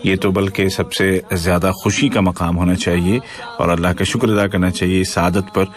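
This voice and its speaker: A man teaching Quran recitation on a call-in program, reciting slowly and stopping to correct pronunciation. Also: deep voice, level tone, faint music behind. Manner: slow drawn-out recitation, stops to correct pronunciation. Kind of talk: live broadcast Quran lesson.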